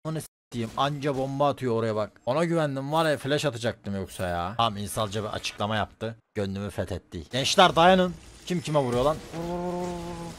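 Excitable young man yelling over a game. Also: medium pitch, fairly quick, hardly any pauses, slight background noise. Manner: loud, excitable, swears a lot, yells at teammates. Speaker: streamer. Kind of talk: live gaming commentary.

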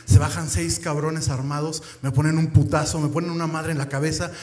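Young Mexican male comic, crude deadpan delivery, slightly high voice, echoey room. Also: brisk. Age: young adult. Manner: crude, deadpan storytelling with lots of slang. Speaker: stand-up comedian. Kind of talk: stand-up comedy set. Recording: echoey club with crowd noise.

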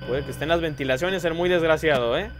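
A man giving excited horror gameplay commentary, jumpy, repeating words and crying out. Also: fairly high pitch, quick pace, faint music behind.

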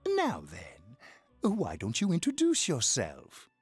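A man's voice: mid-range voice, wildly swooping pitch, slow, breathy edge, heavily acted. A man playing an eerie, amused old fortune teller in a video game, speaking theatrically and portentously. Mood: welcoming, mysterious. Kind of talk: scripted video game dialogue. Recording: game audio over background music.

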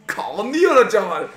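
Exasperated high-voiced Spanish streamer. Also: male voice, fairly bright tone. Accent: Spain Spanish. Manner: exasperated, swearing at the screen. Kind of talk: live match reaction. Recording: echoey room.

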